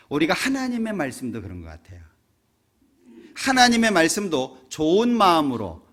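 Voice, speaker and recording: A man preaches a sermon in a church, his voice sitting somewhat high and swinging widely in pitch. He mixes funny stories with rhetorical questions aimed at his congregation. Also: fairly bright tone. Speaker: pastor. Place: church sanctuary.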